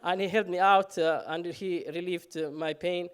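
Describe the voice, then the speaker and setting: A man tells his own story on stage in a fairly high voice. He jokes at himself and often stops on "uh". The talk stays loose and unscripted. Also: steady tone, normal speed, fairly bright tone, smooth. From Somalia. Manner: humorous, self-mocking, frequent "uh" fillers. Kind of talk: live personal storytelling on stage.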